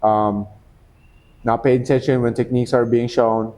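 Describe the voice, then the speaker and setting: A man from the Philippines, a professional MMA fighter guesting on a podcast, chatting in a relaxed, slangy way and calling people "bro". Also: mid-range voice, moderate pace. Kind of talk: casual podcast chat.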